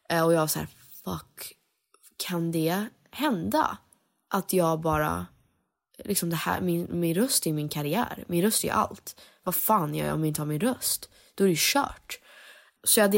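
Candid young woman, lowish voice. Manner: candid, mixes English phrases into Swedish. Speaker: singer. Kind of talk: personal storytelling.

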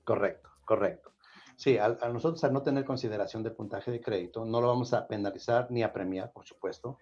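Brisk and lowish, with a slightly mellow tone and a breathy edge, the voice belongs to a Mexican man hosting a podcast; the audio is dull. He has a Mexican Spanish accent and explains things loosely, repeating words and often asking "¿verdad?".

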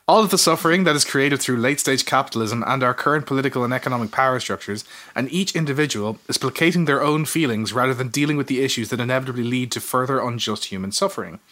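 A man's voice: medium pitch, pushed and bright. A man co-hosting a casual chat, reading out his essay with earnest, self-mocking energy. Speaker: podcast co-host.

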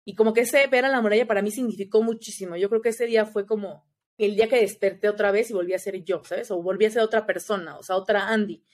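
A woman's voice: mid-range voice, fairly even intonation, fast talker. A young Mexican woman with a Mexican accent, chatting casually as a podcast guest and dropping "¿sabes?" often. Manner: chatty, frequent "¿sabes?" fillers. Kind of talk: casual interview chat.

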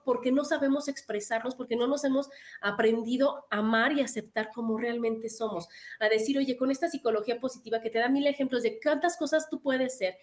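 A woman joins a radio conversation as a guest, with a high-pitched voice. She explains her ideas earnestly and keeps posing rhetorical questions to carry her point along.

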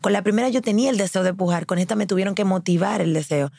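A woman casually telling a story in a lively way, acting out what others said. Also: mid-range voice, rapid-fire, gravelly, dry recording, clean studio sound. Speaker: guest.

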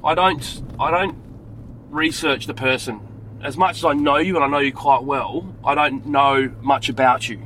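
A man's voice: medium pitch, steady tone, normal speed, fairly bright tone, rough recording. A man hosting a casual chat from behind the wheel of his car. He asks questions in a friendly, easygoing way with plenty of hesitant fillers. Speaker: podcast host interviewing in his car. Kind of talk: casual chat while driving. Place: driving a car. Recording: faint road noise.

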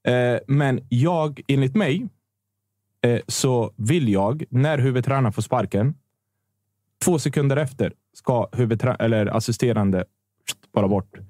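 A man's voice: mid-range voice, dry recording, studio quality. A man on a podcast panel, talking football in a casual, opinionated way, often restarting his sentences. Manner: animated, opinionated, trails off and restarts.

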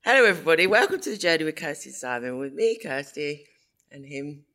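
A woman's voice: deep voice, expressive, fast, sharp tone. A woman co-hosting a podcast in casual chat, teasing her partner and laughing often. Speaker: podcast co-host.

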